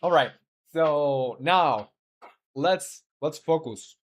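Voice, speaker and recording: A game developer whose first language is Spanish chats casually on a live stream, mixing small talk with coding talk. He thinks aloud in halting bursts, hesitating and restarting often. His voice is a little high and expressive.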